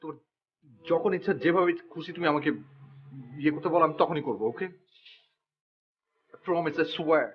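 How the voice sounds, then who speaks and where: An actor playing a fussy, germ-fearing young husband in a TV drama, panicky and pleading. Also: male voice, on the high side, moderate pace, long pauses, lo-fi sound, a little hiss or hum, natural voice. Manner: panicky, then softly pleading. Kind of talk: TV drama acting.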